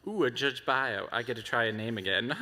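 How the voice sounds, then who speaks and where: A man's voice: medium pitch, wildly swooping pitch, unhurried, sharp tone. Playful laughing man emceeing a masquerade. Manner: playful, laughing, stumbling over names. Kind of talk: live stage hosting, reading bios. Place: convention hall stage. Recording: echoey convention hall.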